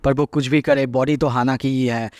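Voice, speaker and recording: A man narrating an anime episode recap in a steady, explanatory storytelling way, mixing English words into his sentences. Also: mid-range voice, moderate pace, no room sound, studio quality.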